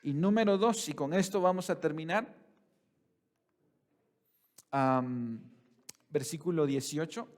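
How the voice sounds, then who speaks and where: A man preaching a sermon as pastor, calling the congregation brothers and putting questions to them, swinging from quiet, slow passages to loud, raised ones. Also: on the high side, expressive.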